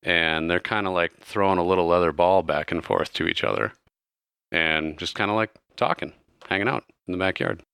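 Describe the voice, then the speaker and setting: Man, deep voice, crisp bright tone, casual tabletop game narration. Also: normal speed, no echo, clean studio sound. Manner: casual, loose, with many fillers. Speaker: game master.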